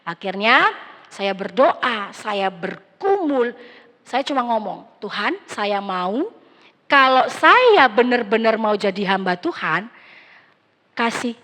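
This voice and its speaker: High-voiced young woman pastor in a hall. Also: slow pace. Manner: conversational, animated storytelling with quoted dialogue. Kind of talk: sermon with personal testimony. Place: large church hall. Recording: long church-hall reverb.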